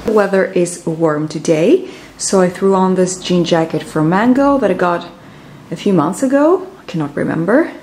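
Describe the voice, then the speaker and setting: A woman's voice: fairly low pitch, normal speed, a little mellow, reverberant, slight background noise. Chatty young woman vlogging to camera. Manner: chatty and upbeat, talking straight to the camera. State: slightly out of breath. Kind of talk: casual vlog talk to camera.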